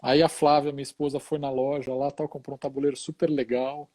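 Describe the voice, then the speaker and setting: A man's voice: mid-range voice, flat delivery, a little fast, darkish tone. A middle-aged Brazilian man, a hospital chaplain, telling a story in an easygoing, casual conversation and tagging many phrases with short questions.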